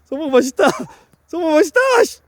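A man's voice: very high voice, brisk, darkish tone, a little hiss or hum. A man outdoors chatting casually with a friend, teasing and cheering him on in exclamations. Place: outdoors in winter.

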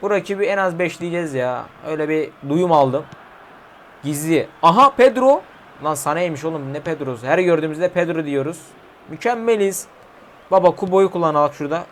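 Young male gamer, high voice, excitable commentary of his own match, shouts at goals. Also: brisk, a little hiss or hum. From Turkey. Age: 20s. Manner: excitable, yelling player names at goals, swearing at the game. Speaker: gaming YouTuber. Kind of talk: live mobile football game commentary.

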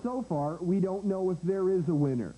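A man's voice: sits high, moderate pace, warm tone, low-quality recording. A man narrating a scripted television news report on an old broadcast tape.

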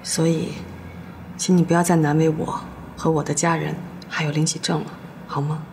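A young actress playing a heartbroken lawyer who speaks quietly, with resignation. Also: female voice, deep voice, little pitch movement, normal speed, gravelly, a little hiss or hum. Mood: firm. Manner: quiet, resigned, soft-spoken. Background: soft guitar music.

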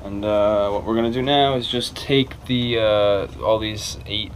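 Speaking a little slowly in a voice on the low side, with fairly even intonation, this man explains a repair in an informal, unscripted way, sometimes hesitating. He makes videos and is recording a tutorial in a cramped, cluttered, carpeted room. A bit of background noise is present.

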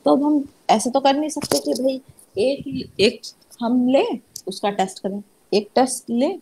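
A woman's voice: high-pitched, fairly even intonation, unhurried, dark tone, slightly rough, poor audio. A woman chemistry lecturer, teaching a class and repeatedly asking questions that she answers herself. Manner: asks rhetorical questions and answers them herself.

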